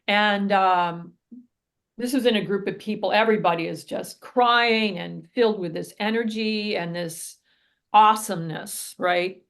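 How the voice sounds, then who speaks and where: A woman's voice: medium pitch, measured pace, fairly bright tone. A woman therapist, a guest on an interview podcast, telling a case story earnestly and vividly, often acting out what people said.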